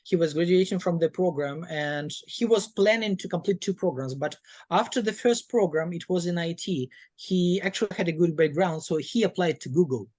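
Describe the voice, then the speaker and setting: A woman's voice: on the low side, moderate pace, a little mellow, no room sound. A woman speaking as a college representative on a video call, explaining informally through anecdotes.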